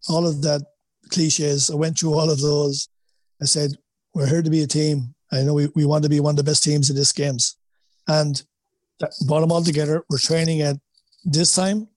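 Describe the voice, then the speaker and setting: An Irishman speaks in a Wexford accent, his voice sitting a little high and recorded fairly dry. He talks as a coach in an interview, conversational and anecdotal, restating points for emphasis and often dropping in "you know". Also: darkish tone, no room sound. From Wexford, Ireland. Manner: peppers talk with "you know", emphatic repetition. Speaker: boxing coach, former boxer.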